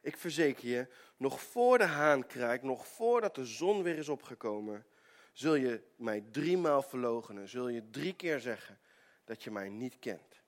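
A preacher voicing Jesus as a calm grown man, speaking in a measured, solemn way that slows and softens. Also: mid-range voice, close to an everyday voice.

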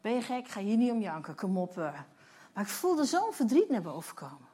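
A woman's voice: medium pitch, big pitch swings, a little fast, dark tone, breathy edge. A woman in her fifties, a church leader, giving a personal testimony sermon and telling her story vividly while acting out the dialogue. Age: 50s.

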